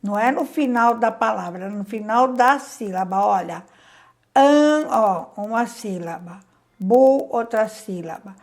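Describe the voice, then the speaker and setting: A woman's voice: mid-range voice, moderate pace, hardly any pauses. A Brazilian woman teacher reads out a worksheet to young pupils and explains it, patiently counting aloud and asking them questions. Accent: Brazilian Portuguese. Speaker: primary school teacher. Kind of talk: reading out and explaining a school worksheet.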